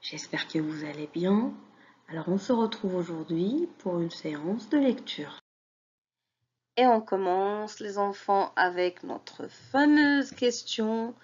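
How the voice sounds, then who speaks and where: A woman teacher leads young children through a reading lesson. She speaks very slowly and lifts her voice in lively swoops of pitch as she praises them and has them repeat after her. The recording sounds a little dull and lo-fi. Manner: slow, clearly articulated, encouraging.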